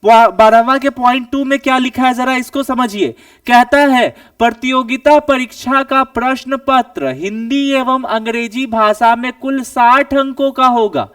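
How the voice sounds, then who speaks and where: A man teaches in an earnest, advising way and keeps putting rhetorical questions to his students. His voice sits very high. He sounds a little distant from the mic, in a dry room with no echo. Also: a bit bright. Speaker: exam coaching teacher. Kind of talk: explaining a recruitment notice to students.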